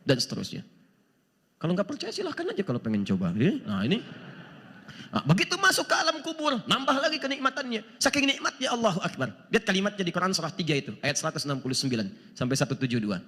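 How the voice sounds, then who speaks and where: Male preacher, high and very lively, bright voice, sermon in a reverberant large hall. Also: fast, slightly rough. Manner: animated, asks the audience rhetorical questions, chuckles; quotes scripture in Arabic. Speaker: Islamic preacher. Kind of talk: sermon to a live audience.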